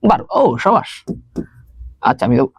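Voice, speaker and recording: A young man teaching a live online science class, talking fast and chatty and mixing in English words. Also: no room sound.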